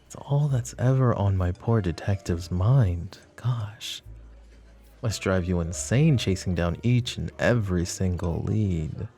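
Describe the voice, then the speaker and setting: In a romantic ASMR roleplay, a man plays a smug mafia boss with a low, gravelly, dark voice. He teases suavely, flirty and possessive, taking his time with pauses between phrases, while faint music plays behind him.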